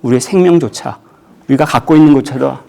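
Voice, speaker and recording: A man's voice: mid-range voice, fast, vocal fry, dark tone. A man preaching a sermon as pastor in a church, asking the congregation rhetorical questions and raising his voice sharply when he acts out quotes.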